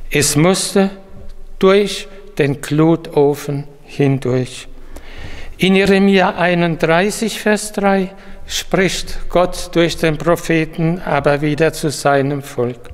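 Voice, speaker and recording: Slow solemn preacher in a reverberant church. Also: male voice, fairly high pitch, steady tone. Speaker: pastor. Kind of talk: sermon.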